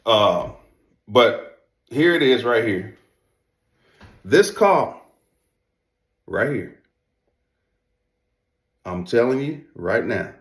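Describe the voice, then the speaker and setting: A presenter reviewing duck calls gives a casual demonstration in a medium-pitched voice with big pitch swings, drawn-out words, and long pauses. His folksy, informal delivery is emphatic and repetitive, and the recording has a roomy echo.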